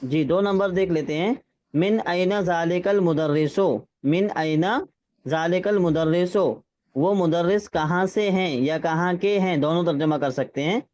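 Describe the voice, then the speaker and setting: A man teaching Arabic grammar in an online class, patiently checking that students follow and reading phrases out slowly. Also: high-pitched, a little mellow. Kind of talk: classroom lesson with drills. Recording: slightly dull lo-fi sound.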